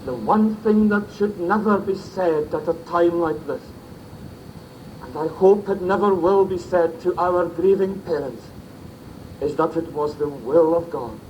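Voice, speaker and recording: A minister delivers a grave memorial sermon in a high-pitched voice. He speaks slowly, leaning on measured pauses. The sound comes from an old cassette tape with a faint hiss under it. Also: darkish tone, lo-fi sound. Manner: slow, grave and solemn, with emphatic pauses. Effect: faint tape hiss of an old cassette recording.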